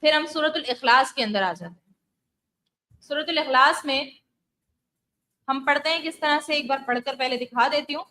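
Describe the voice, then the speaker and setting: A woman teaching Quran recitation in an Urdu lesson, explaining mistakes and reciting Arabic phrases slowly and drawn out. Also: high-pitched, pushed and bright.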